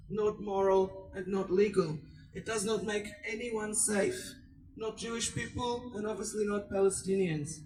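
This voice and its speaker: A woman born in Israel, giving an earnest, measured prepared speech at an outdoor protest rally. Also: mid-range voice, darkish tone, far from the mic, slight background noise, low-quality recording. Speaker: rally speaker.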